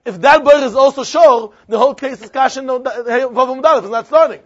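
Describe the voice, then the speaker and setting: A man with a strikingly high voice and a Yiddish accent leads an interactive Talmud lesson. He argues his way along, firing and repeating rhetorical questions in yeshiva idiom. The recording is dull and lo-fi. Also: quick pace, fairly bright tone. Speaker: Talmud teacher.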